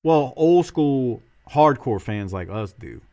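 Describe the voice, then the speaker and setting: Male podcast host, mid-pitched and lively, informal wrestling recap chat. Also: takes it slowly. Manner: slangy, informal. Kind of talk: casual match recap commentary.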